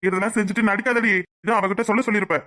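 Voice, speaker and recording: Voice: medium pitch, fairly even intonation, very fast, pushed and bright, lightly acted. A voice actor playing a hot-headed young man caught between two women in a cartoon drama. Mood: accusing. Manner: curt, accusing. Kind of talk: cartoon voice acting.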